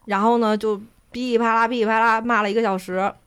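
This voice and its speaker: Higher-voiced woman with a Beijing accent. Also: fairly even intonation, fast talker, a bit bright, smooth. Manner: colloquial storytelling with Beijing slang. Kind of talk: casual chat, telling travel anecdotes.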